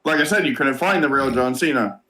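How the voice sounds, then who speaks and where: Bright, halting man swearing through a recap. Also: mid-range voice, poor audio. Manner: halting, many "uh" and "freaking", swears. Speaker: wrestling reviewer. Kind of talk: casual podcast chat.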